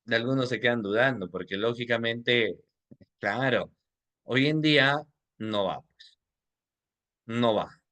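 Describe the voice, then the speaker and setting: A man's voice: mid-range voice, slow, long pauses, bright, forceful tone. A man teaching an online class on legal writing, who quizzes his listeners, repeats his questions and addresses them as doctors. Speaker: law instructor.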